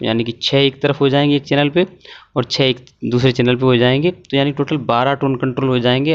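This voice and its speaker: A man presenting an electronics tutorial, walking through a circuit diagram step by step in a patient way with many filler pauses. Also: mid-range voice, clean tone, dull audio.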